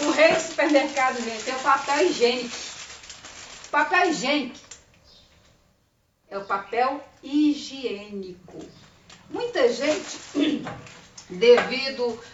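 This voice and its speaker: Chatty high-voiced Brazilian teacher, roomy. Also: female voice, slow, long pauses. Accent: Brazilian Portuguese. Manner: chatty, expressive, acts out little dialogues. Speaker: literacy teacher. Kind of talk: online teaching talk. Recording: muffled, roomy, distant mic with faint hiss.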